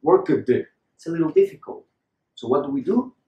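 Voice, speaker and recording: A man's voice: fairly high pitch, very animated, normal speed, roomy sound, highs cut off, slight background noise. A man teaching English pronunciation in a patient lesson style, repeating example words for the learner to copy.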